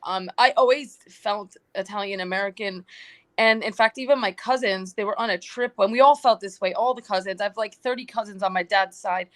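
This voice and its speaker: Chatty woman from New York. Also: mid-range voice. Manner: chatty, animated storytelling with quoted asides. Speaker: podcast guest. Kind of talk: casual roundtable chat.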